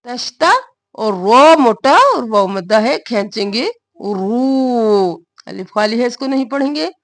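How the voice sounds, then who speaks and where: A woman teaching Quran recitation, drawing out verses slowly and then explaining pronunciation rules in quick asides. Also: on the high side, lively intonation, no echo. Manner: slow drawn-out recitation alternating with quick explanations. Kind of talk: tajweed recitation lesson.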